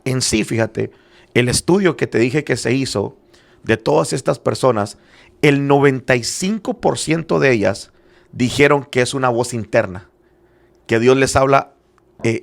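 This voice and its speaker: A middle-aged church apostle from a Spanish-speaking background, now living in Arizona, talks through matters of faith. His mid-range voice carries vocal fry, and his earnest, conversational explanations are full of hesitant fillers.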